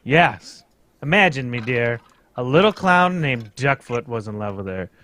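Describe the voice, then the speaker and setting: In a live old-time radio table read, a man with an expressive, unhurried, mid-range and slightly bright voice plays a pompous, old-fashioned actor. His delivery is grandiose, florid and theatrical, complete with "me dear."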